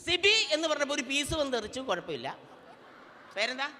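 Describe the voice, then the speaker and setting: Guy doing a loud bossy auntie on stage, super high shrill voice, booming hall echo. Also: big pitch swings, fast talker, slight background noise, exaggerated voice. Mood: teasing. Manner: loud, bossy, teasing, calls people up to the stage. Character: brash teasing middle-aged Kerala auntie, bossy, flirty. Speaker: stage comedian and emcee. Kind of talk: live stage comedy with audience banter. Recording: reverberant convention hall PA.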